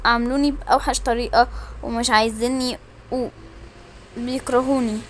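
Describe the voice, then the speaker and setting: A woman's voice: fairly high pitch, fairly even intonation, brisk, a little hiss or hum, voice pushed down, lightly acted. A woman voicing a young man in a toy-game story who complains earnestly about his harsh parents. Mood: aggrieved.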